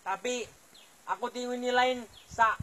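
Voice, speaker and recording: A man's voice: very high-pitched, steady tone, unhurried, pushed and bright. A man, up a tree outdoors, complaining and pleading on a phone call. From Filipino Suluk. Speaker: plantation worker on a phone call.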